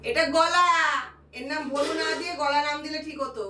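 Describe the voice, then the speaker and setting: High-voiced woman vlogging around her home. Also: a little fast, pushed and bright, a little hiss or hum. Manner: chatty, scolds and coos at pets. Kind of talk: casual home vlog chat.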